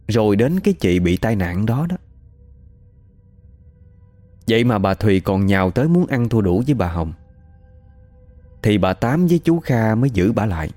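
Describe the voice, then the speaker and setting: A man's voice: lowish voice, warm tone, dry recording. A man telling a story in a chatty, matter-of-fact way. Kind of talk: casual spoken storytelling.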